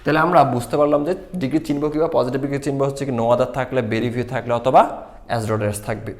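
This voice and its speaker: A man's voice: medium pitch, fairly even intonation, fast talker. A man teaching a grammar lesson, explaining step by step and answering his own questions.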